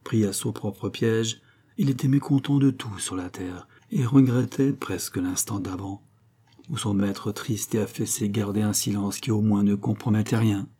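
A man reading a classic novel aloud as an audiobook narrator, in a measured, even way. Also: fairly low pitch, husky. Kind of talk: scripted narration.

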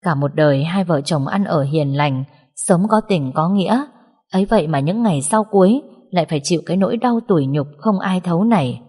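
Low husky woman reading a sad tale slowly, lots of reverb. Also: warm tone. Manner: slow, mournful storytelling. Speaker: narrator. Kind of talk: scripted narration of a sad story. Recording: long hall reverb.

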